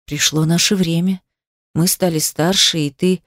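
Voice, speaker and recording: A woman voicing a tender, brooding young stepbrother in a murmuring, lowered voice, in a romance audiobook. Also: fairly even intonation, unhurried, no echo, studio quality. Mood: earnest.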